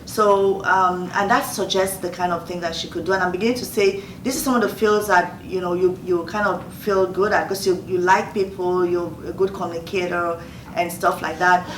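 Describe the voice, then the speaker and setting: A Nigerian woman in her fifties hosts a motivational Q&A talk, giving earnest advice and repeating key phrases. Her voice is fairly low-pitched and steady at a normal speed. She was recorded in a roomy space with a distant mic and faint noise.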